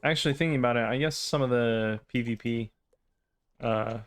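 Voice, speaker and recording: A man hosting a game playthrough with casual, wry, deadpan commentary and rambling asides. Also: mid-range voice, normal speed. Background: game music.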